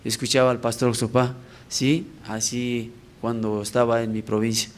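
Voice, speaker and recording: A man's voice: mid-range voice, little pitch movement, moderate pace. Male evangelist, church prayer service, conversational testimony, keeps checking in with listeners. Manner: conversational, with frequent tag questions to the congregation.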